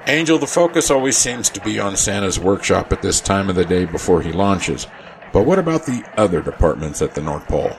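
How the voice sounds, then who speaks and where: A man's voice: low voice, sing-song, brisk, noisy background. A man playing an earnest Christmas elf news anchor, delivering a mock radio bulletin in a formal newsreader manner. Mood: earnest, official. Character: earnest male Christmas elf news reporter at North Pole.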